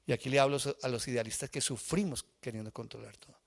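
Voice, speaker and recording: A male pastor with a mid-range, steady voice preaches a live sermon in a church sanctuary, talking fast with vocal fry. He shares an emotional personal testimony and puts questions to the congregation.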